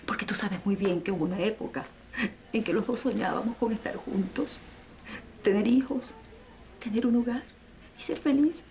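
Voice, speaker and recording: A woman's voice: mid-range voice, moderate pace, creaky, pauses often, a little mellow, a little hiss or hum, close to an everyday voice. An actress playing a bitter, jilted woman who reproaches the man she loved in a telenovela. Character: bitter jilted woman letting her lover go. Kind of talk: telenovela acting.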